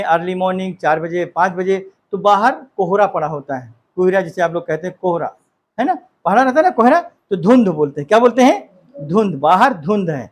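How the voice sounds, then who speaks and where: High-pitched guy teaching a grammar class, says every phrase twice, takes it real slow. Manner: dictates sentences slowly, repeating each phrase; asks the class questions.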